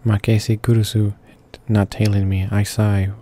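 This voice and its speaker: With a dark, fairly low voice and a level tone, a let's player reads a visual novel aloud a little slowly. He trips over the odd word, and game music runs in the background.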